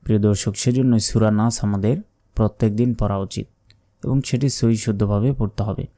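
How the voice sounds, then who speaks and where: A man teaching Quran recitation, explaining each sound slowly and chanting the verses in long drawn-out tones. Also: fairly low pitch, steady tone, dark tone, no echo, clean studio sound. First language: Bengali. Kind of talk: slow step-by-step recitation lesson.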